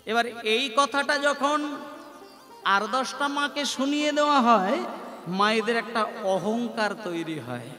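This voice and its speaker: A man preaching a devotional kirtan sermon in slow, drawn-out storytelling. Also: very high-pitched, sharp tone, long reverb tail, soft background music. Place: stage with live devotional music.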